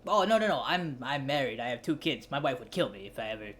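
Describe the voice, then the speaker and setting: A game master voicing a middle-aged male bartender in a tabletop game: friendly, nosy, and quick to backpedal when a question lands wrong. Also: medium pitch, sing-song, a bit bright, a little hiss or hum. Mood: flustered.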